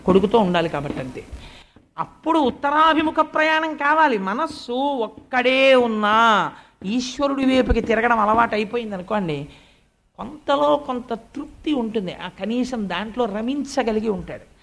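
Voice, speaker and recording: A man's voice: very high voice, expressive, normal speed, vocal fry, fairly bright tone. A man giving a devotional sermon on scripture. He tells stories in a conversational way, adds polite asides to his listeners, and acts out the quoted words of family members and sages. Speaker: spiritual discourse speaker.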